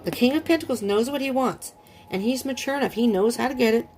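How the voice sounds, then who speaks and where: A woman's voice: fairly high pitch, fast talker, darkish tone, faint music behind. A woman giving a casual tarot reading at home, chatty and often checking in with her listeners. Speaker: tarot reader.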